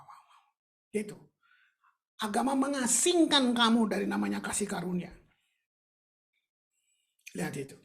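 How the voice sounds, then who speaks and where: A woman's voice: a little high, vocal fry, a little mellow, husky. A woman preaching a sermon in a colloquial, emphatic way, with English phrases mixed in.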